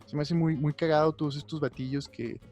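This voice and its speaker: A young man with a Mexican accent co-hosting a podcast, talking in an animated, slangy, opinionated way. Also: on the high side, fairly quick. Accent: Mexican Spanish. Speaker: podcast co-host. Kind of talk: casual chat. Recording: faint music behind.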